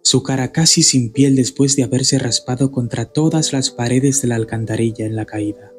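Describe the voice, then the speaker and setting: A man from the Dominican Republic reading a scripted horror story in a measured, grave manner. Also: medium pitch, darkish tone. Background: faint background music.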